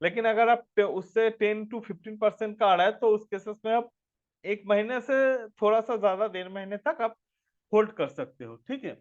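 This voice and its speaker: Male trainer, high voice, patient step-by-step teacher reading numbers aloud, lo-fi stream sound. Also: moderate pace. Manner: explains step by step, reading chart figures aloud; asks the audience to answer. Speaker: stock market trainer. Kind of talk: live online trading class.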